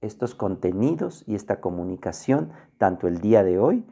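A man teaching a motivational lesson on emotional language, speaking deliberately and checking in with frequent asides. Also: on the low side, big pitch swings, vocal fry, dark tone, breathy edge. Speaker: emotional coaching instructor.

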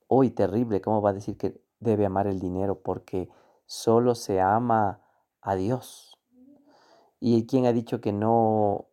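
A man teaching a course, with a low, mellow voice. He talks emphatically and repeats key words for effect. Now and then he acts out the voices of the people he quotes. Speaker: course instructor. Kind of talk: motivational teaching on money beliefs.

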